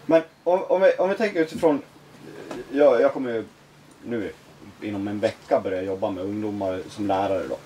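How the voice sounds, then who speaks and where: A man's voice: on the low side, dark tone, recorded from a distance, a little hiss or hum. A male interviewer who asks questions hesitantly and restarts his sentences often. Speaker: interviewer, soon a teacher. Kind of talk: interview conversation.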